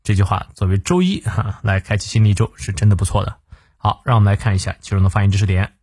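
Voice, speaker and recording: A man's voice: on the low side, fast talker, darkish tone, husky, dry recording, studio quality. A man hosting a short daily English lesson, reading a quote and explaining it phrase by phrase. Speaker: English teacher.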